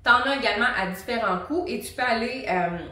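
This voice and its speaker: A woman, a singing teacher and vocal coach, explaining technique to the viewer in a lively, casual way and demonstrating the sounds herself. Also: a little high, fairly quick. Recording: very echoey room, mic at a distance.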